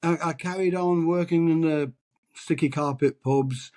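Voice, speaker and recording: A middle-aged Englishman who works as a tribute singer chats in a casual interview, self-deprecating and rambling with restarts. His husky voice is fairly high and a little mellow, with fairly even intonation and a slightly slow pace.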